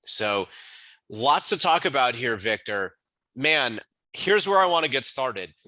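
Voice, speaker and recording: A man's voice: mid-range voice, big pitch swings, measured pace, pushed and bright, no room sound, low-quality recording. A man hosting a podcast, introducing and interviewing his guest in an upbeat, hyped-up way. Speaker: podcast host.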